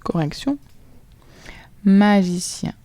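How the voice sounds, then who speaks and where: A woman with a French accent teaching a recorded phonics lesson to children, spelling sounds out slowly and clearly letter by letter. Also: medium pitch, expressive, dark tone, dry recording.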